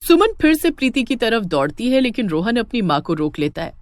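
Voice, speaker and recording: A woman's voice: on the high side, brisk, dry recording. A woman narrating a cartoon moral story in scripted storybook style. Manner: lively, expressive.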